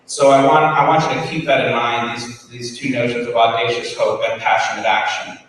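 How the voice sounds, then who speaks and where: A man's voice: mid-range voice, little pitch movement, a little fast, a bit bright, slight background noise. A man giving a conference keynote to educators, earnest, with many ums and restarts, recorded from far off. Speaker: keynote speaker. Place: school hall with audience. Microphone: far from the recording device. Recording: roomy hall from far off, faint ambience.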